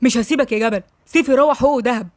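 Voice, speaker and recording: A woman's voice: a little high, very fast, a little mellow, no room sound, natural voice. A woman with an Egyptian accent voicing a worried young businessman, urgent and fretful. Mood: reassuring. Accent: Egyptian Arabic.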